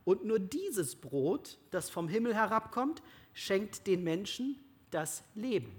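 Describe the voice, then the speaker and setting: A reader voicing a solemn, slow-spoken Jesus. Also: mid-range voice, sing-song, pitched above the performer's own voice. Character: Jesus as a calm, solemn male teacher.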